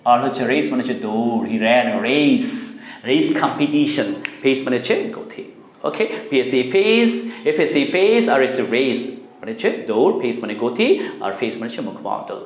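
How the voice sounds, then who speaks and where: A man's voice: mid-range voice, roomy sound. A man with a Bangladeshi accent, a native Bengali speaker teaching a spoken English lesson, drilling translations and pleading earnestly with many "uh" fillers.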